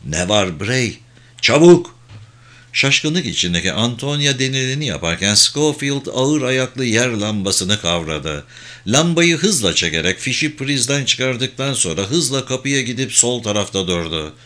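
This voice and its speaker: A man reading a thriller novel aloud in a measured, dramatic narration. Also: mid-range voice, sing-song, pushed and bright. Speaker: audiobook narrator. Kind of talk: scripted audiobook narration.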